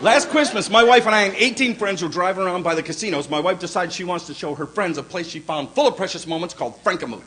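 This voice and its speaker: An older man doing a stand-up comedy routine on a club stage, telling gruff stories and putting on squeaky voices for the people in them. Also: fast, few pauses, fairly bright tone, slight background noise. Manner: gruff storytelling, puts on high squeaky voices for kids and wife.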